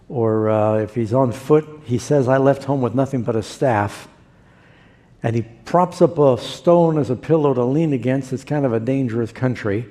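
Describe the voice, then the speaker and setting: A man preaching a sermon, retelling a story with lively acted-out voices. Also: medium pitch. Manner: animated, acts out quoted voices. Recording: long hall reverb.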